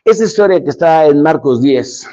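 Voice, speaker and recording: A fairly high-voiced man delivers a motivational speech. He talks dramatically, pushing some phrases out loud and dropping others to a near hush. The recording is dull and lo-fi. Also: animated, normal speed. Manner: dramatic, swings between loud emphasis and soft low lines. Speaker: motivational speaker.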